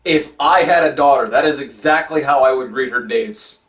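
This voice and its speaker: A man's voice: medium pitch, normal speed, fairly bright tone. A man giving a sarcastic, exasperated scripted film review. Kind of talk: scripted comedic review narration.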